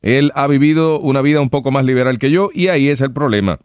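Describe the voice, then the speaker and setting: A man's voice: mid-range voice, fast talker, darkish tone, no echo, studio quality. A man hosting a radio show, teasing and reading a listener's letter, mixing English into his Spanish. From Cuba.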